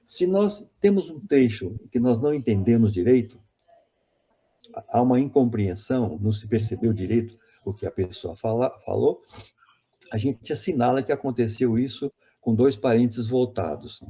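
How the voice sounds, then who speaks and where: A man's voice: mid-range voice, moderate pace, mellow, slightly rough. A man giving an academic conference lecture on linguistics, hesitant and self-correcting, often repeating words.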